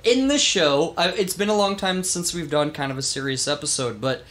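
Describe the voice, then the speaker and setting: A man hosting a casual history podcast, telling the story with animated emphasis and the odd swear word. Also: fairly high pitch, normal speed. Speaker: podcast host.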